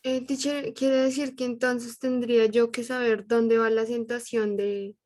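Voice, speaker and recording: A woman's voice: fairly high pitch, flat delivery, unhurried, darkish tone. A woman student on a video call, asking hesitant questions in class and seeking confirmation.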